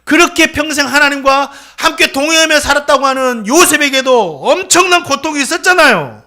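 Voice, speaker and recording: A man's voice: very high-pitched, animated, brisk, pushed and bright. A male pastor preaching a sermon with dramatic delivery, acting out the voices of the people he quotes. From South Korea.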